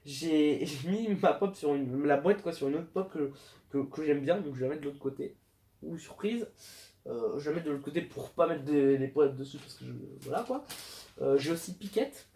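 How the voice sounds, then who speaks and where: Young male vlogger, slightly high voice, hesitant and rambling, self-deprecating humor, casual home-video feel. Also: a little hiss or hum. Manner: rambling, hesitant, many fillers and self-mocking asides. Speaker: YouTuber showing collectible figures. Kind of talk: casual unboxing vlog.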